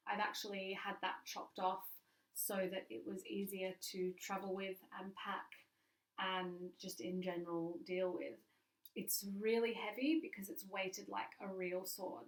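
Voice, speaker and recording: A woman sword swallower giving a casual, frank show-and-tell, explaining informally and stressing key words. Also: medium pitch. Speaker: sword swallower, stage performer. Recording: echoey room, distant mic.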